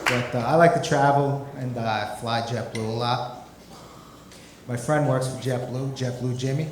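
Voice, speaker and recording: A man's voice: medium pitch, fairly even intonation, normal speed, very noisy. A man performing a stand-up comedy set on a club stage, talking conversationally into a handheld microphone. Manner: conversational, peppered with "you know". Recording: roomy club recording, loud audience laughter.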